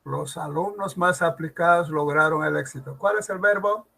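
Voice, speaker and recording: Gravelly man teaching an online class. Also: fairly high pitch, sharp tone, low-quality recording. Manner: asks students questions, repeats examples slowly. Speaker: language teacher.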